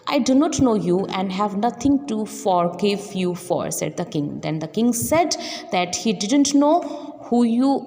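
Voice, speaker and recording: A woman's voice: medium pitch, lively intonation, a little slow, mellow, big-room sound. A woman teacher who reads a story aloud and then patiently retells each line in simpler words for her students.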